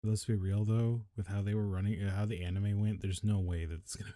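A man's voice: on the low side, level tone, brisk, warm tone, no echo, clean studio sound. A man co-hosting a podcast, talking casually and hesitantly and calling the others "dude" and "bro". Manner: hesitant, filler-heavy, says "dude" and "bro". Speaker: podcast co-host. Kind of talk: casual chat.

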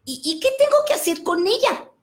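A small, nearsighted schoolboy voiced by a woman in a told children's story. His voice is high and swooping, eager and insistent, and he sounds easily startled. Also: fairly quick. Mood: astonished. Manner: high excited childlike pleading.

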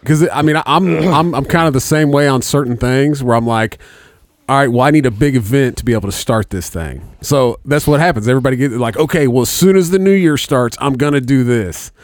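On his podcast, a man in his thirties trades crude, casual banter, swearing freely, laughing often and stammering through restarts. His voice is medium-pitched and a little fast, and the recording is dry.

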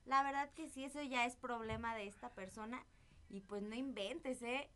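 A woman's voice: a little high, fairly even intonation, normal speed, sharp tone. A woman who hosts a casual interview and answers with short affirmations.

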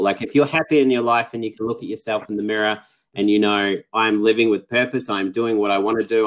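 A man's voice: on the low side, rough recording. A man, a guest on a podcast, talking casually and reflectively, with many fillers and restarts. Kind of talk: casual interview talk.

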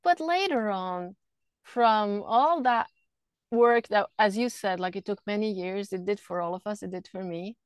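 A middle-aged woman from Switzerland speaks as a podcast guest in an earnest, flowing way, circling back and repeating words as her thoughts form. Her voice sits at an ordinary middle pitch. The recording is dry and close, with no room sound. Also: unhurried, clean tone, dry recording. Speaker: podcast guest, energy healer. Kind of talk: casual interview talk. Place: camper van.

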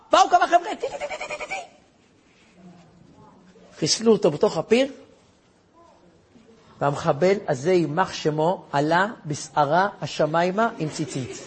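A man, a rabbi, tells a story to an audience in an animated way, acting out voices and sound effects. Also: very high-pitched.

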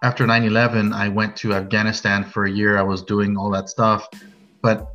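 A man from Norwalk, California, USA, in his late forties, rambles casually through his own story as a podcast guest, leaning on "you know." His tone is level and on the low side, pushed and bright, at normal speed. The lo-fi recording is muffled, with music behind it.

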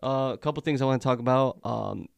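Man, natural unscripted podcast chat, creaky voice, rambling, self-deprecating, dry close sound. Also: medium pitch, fast talker, no room sound. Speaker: podcast co-host.

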